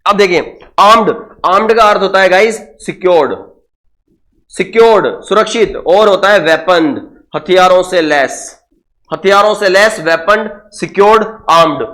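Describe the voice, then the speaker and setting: A man's voice: high voice, moderate pace, fairly bright tone. A man with an Indian accent teaching vocabulary in an online exam-prep lesson, playful and jokey, repeating answers back as quiz prompts. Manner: sings song snippets and makes sound effects. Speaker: English teacher.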